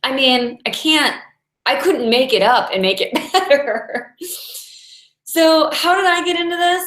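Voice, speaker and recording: A woman's voice: high-pitched, lively intonation, measured pace, fairly bright tone. Chatty woman in an echoey room. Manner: chatty and earnest, laughing between thoughts. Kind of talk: inspirational talk to camera.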